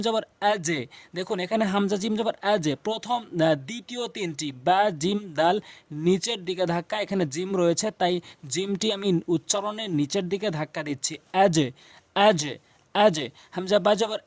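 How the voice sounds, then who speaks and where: A man teaching Quran recitation, spelling out letters slowly and repeating each sound. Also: sits high, no echo. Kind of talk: recitation lesson.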